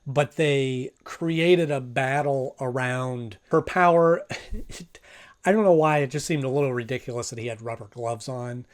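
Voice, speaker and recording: A man hosts a casual cartoon review, commenting conversationally as if thinking aloud and adding emphasis. His voice is medium in pitch and his pace is unhurried.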